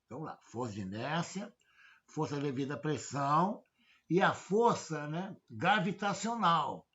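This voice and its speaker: A man's voice: fairly high pitch, animated, unhurried, a bit bright. A male professor, giving an informal lecture, constantly checking in with rhetorical questions. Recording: dull lo-fi audio.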